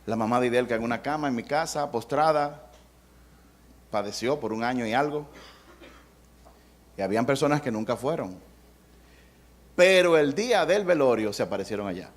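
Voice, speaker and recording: A man's voice: medium pitch, lively intonation, moderate pace, pauses often. A middle-aged male pastor preaching a sermon in a conversational way, acting out quotes and adding humor.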